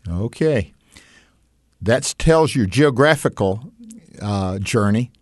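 A man interviewing guests, asking questions in a gentle, reflective way. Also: lowish voice, animated, slow pace, dry recording, clean studio sound.

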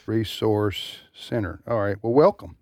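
A man hosting casual talk radio in a studio, folksy and halting, often repeating words. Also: lowish voice, a little mellow, dry recording. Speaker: radio host, ministry president.

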